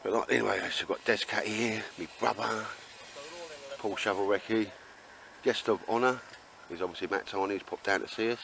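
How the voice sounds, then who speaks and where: A man with a low voice and an Essex accent hosts a casual outdoor vlog. He banters in a laddish, matey way, chatting to camera and friends, with clear ambient noise around him. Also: fairly even intonation, brisk. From Essex, England. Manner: laddish and jokey, calls friends mate and sir. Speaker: vlog host filming a camping trip. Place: outdoors at a woodland campsite.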